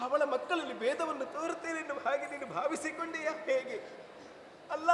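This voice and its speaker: A man's voice: extremely high pitch, a bit bright, slight background noise. Regretful aunt-queen played by a man, tender stage declamation, long hall reverb. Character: remorseful older queen, motherly aunt. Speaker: stage actor in a female role. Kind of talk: Yakshagana theatre dialogue. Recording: echoey hall, faint live ambience.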